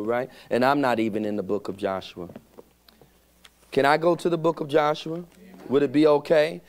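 A middle-aged man preaching in a church sanctuary, his voice sitting a little high and swinging widely between rising calls and low asides. He stretches out key phrases and throws questions to the congregation for them to answer back. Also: a little mellow. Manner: call-and-response preaching, drawn-out emphatic phrases. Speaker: pastor. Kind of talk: sermon.

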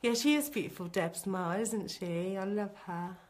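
A woman working as a psychic medium, giving a chatty, excitable spirit reading on a live stream and calling her viewers sweetie. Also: medium pitch, normal speed.

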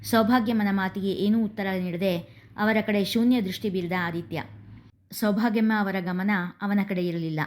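A woman reading an emotional family story aloud in a steady, expressive storytelling voice. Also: mid-range voice, normal speed. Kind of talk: scripted story narration.

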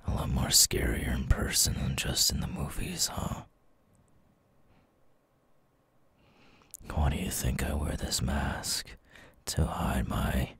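A menacing eyeless creature of the night, acted out by a man for an ASMR audio roleplay. He speaks in an extremely low, gravelly whisper, slowly and deliberately, taunting the listener with a sinister fondness. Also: sharp tone, no echo, exaggerated voice. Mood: menacing, teasing. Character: menacing eyeless male night creature, sadistically fond and teasing.

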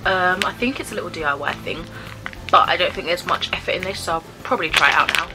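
A young British woman with a slightly low voice chats casually to camera as a snack vlogger. She muses aloud and hesitates as she gives her verdicts. Music plays clearly behind her. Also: fast talker, poor audio. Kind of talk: casual chatty taste-test commentary. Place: small bedroom, indoors.

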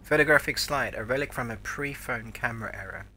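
Bright-voiced man doing wry game commentary. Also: mid-range voice, fairly quick, slight background noise. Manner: wry, muttered reactions. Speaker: game streamer. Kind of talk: casual gameplay commentary. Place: small room, indoors. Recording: faint game ambience behind voice.

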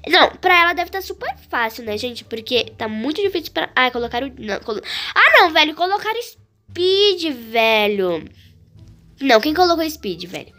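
Brazilian gaming YouTuber, female, high and animated, slangy running commentary. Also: normal speed. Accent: Brazilian Portuguese. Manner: chatty, excitable, full of slang. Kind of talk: casual gameplay commentary.

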